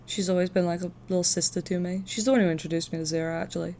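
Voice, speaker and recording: A woman's voice: fairly low pitch, fairly even intonation, rapid-fire, mellow, a little hiss or hum. A woman hosting a casual livestream, chatting in an informal, profane, talkative way. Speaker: live stream host.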